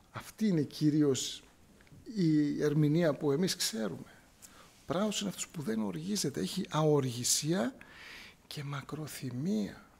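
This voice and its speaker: A man's voice: on the high side, creaky, a little mellow, breathy edge. A male priest giving a sermon in church, explaining scripture word by word and repeating key phrases to drive them home.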